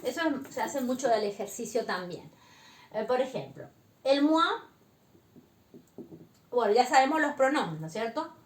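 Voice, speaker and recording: A woman teaching beginner French, explaining slowly and patiently and often checking that her students follow. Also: on the high side, very animated, roomy sound, a little hiss or hum. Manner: slow, patient explaining with frequent check-ins. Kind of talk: beginner language lesson.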